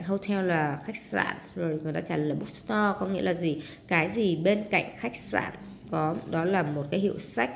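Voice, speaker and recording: A woman's voice: medium pitch, vocal fry, a little hiss or hum. A woman with a Southern Vietnamese accent, walking through homework as a teacher and translating English words step by step. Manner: explains step by step, translating English words and adding sentence-end particles. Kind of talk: homework walkthrough lesson.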